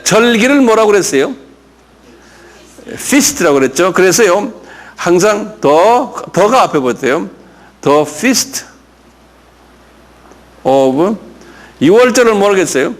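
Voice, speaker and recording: An older male pastor gives a classroom Bible lesson at a slow, unhurried pace. His voice sits high for a man and swings widely up and down. He often stops to quiz the listeners and have them say words back. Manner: drills English terms, asks the class to repeat; explains slowly, with many fillers and questions to the class.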